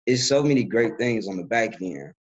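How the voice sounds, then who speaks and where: Podcast host, male, husky, reflective and easygoing, dull recording. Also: lowish voice, lively intonation, normal speed. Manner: reflective, loose and conversational, many fillers. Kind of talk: casual conversation.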